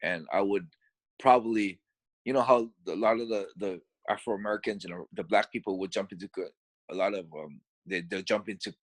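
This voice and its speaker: A middle-aged man from Hawaii with a Hawaiian accent, talking as a guest in a casual interview. He speaks in a relaxed, rambling way, restarting his sentences often. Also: lowish voice, brisk, no room sound.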